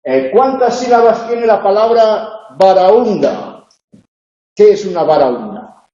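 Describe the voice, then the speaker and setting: A man's voice: high-pitched, big pitch swings, slow pace, warm tone. A man teaching a university phonology tutorial in a classroom, explaining step by step with frequent "eh" and tag questions. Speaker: university lecturer. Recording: echoey room, dull lo-fi sound.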